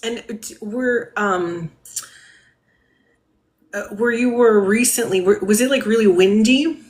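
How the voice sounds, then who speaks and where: Woman medium on a live stream, gentle and hesitant, faint noise behind. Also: on the high side, slow. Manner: gentle, hesitant, many fillers and laughs. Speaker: medium giving a reading. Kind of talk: live-stream spirit reading.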